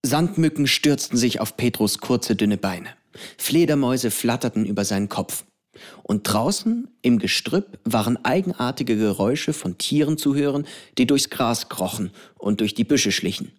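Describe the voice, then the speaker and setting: A male audiobook narrator telling a story at a calm, even pace. His voice sits at a middle pitch and stays steady throughout. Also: moderate pace. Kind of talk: audiobook reading.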